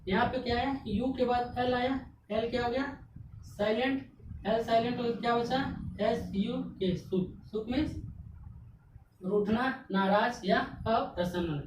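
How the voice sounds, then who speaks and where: A woman's voice: on the high side, unhurried, a little mellow. A woman teaching English grammar, spelling words out letter by letter and answering her own questions. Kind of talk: classroom-style grammar lesson. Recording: echoey room, mic at a distance, faint noise.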